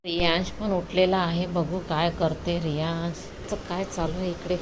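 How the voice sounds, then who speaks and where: A woman's voice: lowish voice, flat delivery, unhurried. A woman, filming a home vlog and coaxing her children with motherly questions. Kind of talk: casual home vlog narration and chat with children. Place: home, indoors. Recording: noisy home phone recording.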